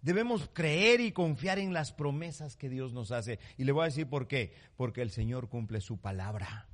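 A man's voice: mid-range voice, animated, moderate pace. Impassioned preacher, man. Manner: impassioned preaching, sudden loud rises and hushed drops; addresses listeners as "mi hermano". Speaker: pastor. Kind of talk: sermon.

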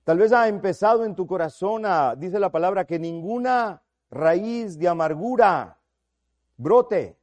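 A middle-aged man preaching a sermon, earnest, calling listeners "my brother", swelling loud for emphasis and dropping to a soft low voice. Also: animated, unhurried, dry recording, dull audio. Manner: earnest, addresses listeners as "mi hermano".

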